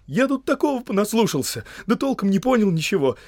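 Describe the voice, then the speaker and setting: Sam: a squeaky, pleading young hobbit. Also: male voice, big pitch swings, fairly quick, gravelly, darkish tone, no echo, studio quality, exaggerated voice. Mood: eager. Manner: pleading, rustic speech. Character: young male hobbit gardener, simple and eager.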